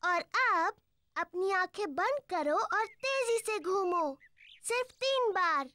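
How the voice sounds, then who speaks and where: A very high, bright little girl piglet in a kids' cartoon. She is cheerful and bossy, exclaiming in a childlike way and speaking slowly and clearly. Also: expressive, dry recording, studio quality, full character voice. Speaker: cartoon voice actor.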